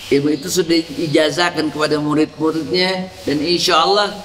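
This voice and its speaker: A male preacher with a fairly high voice speaks in a mosque, his words ringing through a long, roomy reverb. Faint ambience hangs under his talk. He teaches by demonstration and leads the listeners in a slow, repeated chant. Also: steady tone, fairly bright tone, slight background noise. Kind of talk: mosque sermon. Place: mosque during dawn congregation.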